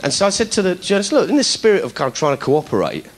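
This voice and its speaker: This time the middle-aged comedian host's voice sits high and he talks very fast, spinning a story for the studio audience and putting on voices for each person he quotes.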